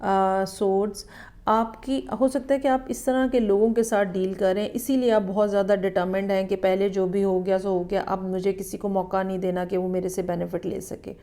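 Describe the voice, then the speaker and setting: A woman giving a weekly tarot horoscope reading in a measured, explanatory way, often checking in with the listener. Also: medium pitch, level tone, mellow. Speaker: tarot reader.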